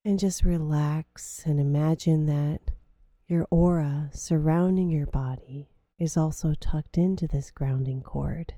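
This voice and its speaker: A woman guides a meditation in a low, deeply mellow voice, drawing each phrase out slowly and softly. The recording is dry and close, with no room sound around her. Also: fairly even intonation, no echo. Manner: slow, soothing, drawn-out phrasing.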